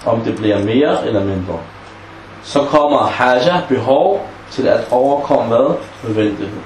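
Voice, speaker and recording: A man's voice: mid-range voice, animated, darkish tone. Man, Islamic teacher, classroom lesson, asks students questions, echoey room, faint background noise. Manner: asks the class questions and acts out example dialogues.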